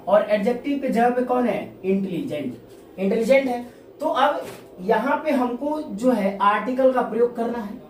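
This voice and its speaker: A woman's voice: on the high side, darkish tone. Woman teaching grammar from across a roomy space. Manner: asks and answers her own questions, repeats key terms; reads example sentences slowly. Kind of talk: classroom-style grammar lesson. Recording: echoey room, distant mic, faint noise.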